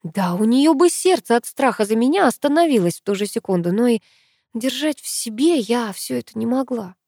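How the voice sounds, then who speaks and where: A woman's voice: on the high side, lively intonation, a little fast, warm tone, dry recording, clean studio sound. Woman reading a novel with emotion. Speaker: audiobook reader. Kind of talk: emotive first-person novel narration.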